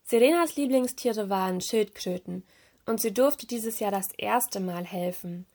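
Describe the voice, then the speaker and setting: A woman hosting a library's children's afternoon, reading a children's story aloud in a calm, clear way. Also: medium pitch, measured pace.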